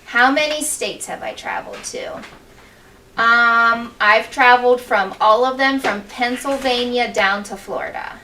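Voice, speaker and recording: A woman with a bright, forward voice at a middle pitch answers questions in a school-style interview. She speaks encouragingly in simple words and often repeats the question first. The mic is a little distant, with faint noise behind her. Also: measured pace. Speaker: school staff member being interviewed.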